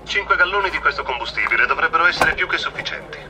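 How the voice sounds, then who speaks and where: Calm male car computer, voiced by a man, formal machine delivery, coming through a car speaker outdoors. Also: a little high, quick pace. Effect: played from a car speaker. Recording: distant speaker outdoors, crowd noise. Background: loud outdoor crowd.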